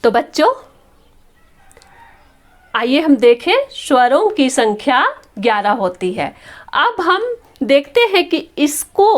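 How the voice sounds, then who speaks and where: A woman teacher giving a grammar lesson to young children, patiently repeating each sound and saying it slowly. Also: sits high. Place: classroom or home study with a board.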